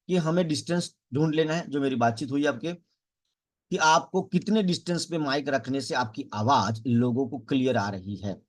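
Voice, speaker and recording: A man teaching public speaking as an emphatic coach, demonstrating rises, falls and pauses in speech. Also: darkish tone. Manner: emphatic teacher, varies pace and pitch to show speech rhythm. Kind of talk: spoken tutorial lesson.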